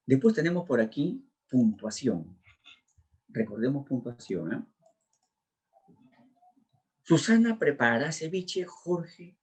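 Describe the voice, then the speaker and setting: Male lecturer, husky voice, methodical step-by-step explanation. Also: medium pitch, darkish tone. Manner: drilling, walks through answers step by step. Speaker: teacher. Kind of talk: exam prep lecture.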